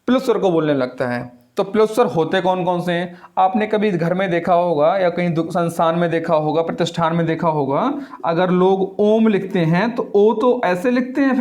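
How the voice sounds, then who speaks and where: A man's voice: high voice, darkish tone. A young man teaching a Hindi grammar lesson, who asks the class questions, answers them himself and stretches out the vowels as he names them. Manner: draws vowels out slowly when naming them. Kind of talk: classroom lecture.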